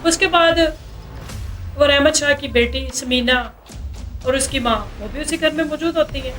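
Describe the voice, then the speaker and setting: A woman's voice: high-pitched, fairly bright tone, soft background music. A woman news anchor retelling a crime story dramatically and speaking directly to her viewers.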